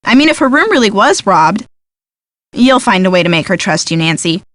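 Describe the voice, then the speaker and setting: For scripted video game dialogue, an actress voices a practical, sceptical young tomboyish woman, the sleuth's sardonic friend, with a sarcastic, teasing manner. Her medium-pitched voice swings widely in pitch, fairly bright at normal speed, with no room sound.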